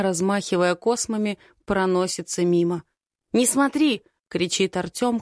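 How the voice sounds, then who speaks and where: A woman narrating a first-person story as an expressive, dramatic audiobook reading. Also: on the low side, no echo, clean studio sound.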